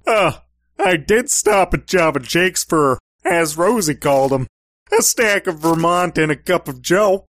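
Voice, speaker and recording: A man's voice: fairly high pitch, expressive, measured pace, fairly bright tone. A man playing a dopey, good-natured private detective in a comic radio play, with a cartoonish, exclaiming delivery. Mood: puzzled.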